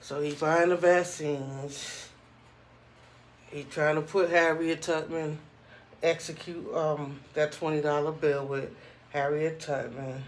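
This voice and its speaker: A man's voice: on the high side, level tone, slow pace, a little hiss or hum. A middle-aged man giving casual, rambling commentary as a vlogger in informal street slang. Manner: informal street slang, repeats "you know what I'm saying".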